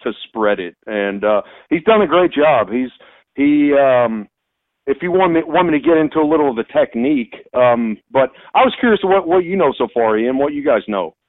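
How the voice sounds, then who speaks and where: A man from Kentucky comes through as a call-in radio caller, his middle-pitched voice squeezed into a thin telephone band. The sound is dry, with no room around it. He explains haltingly and keeps restarting his sentences. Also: lively intonation, no room sound. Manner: halting, with frequent restarts and fillers. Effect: phone line call-in voice. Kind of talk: explaining a topic on a call-in show. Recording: tinny phone line, dry.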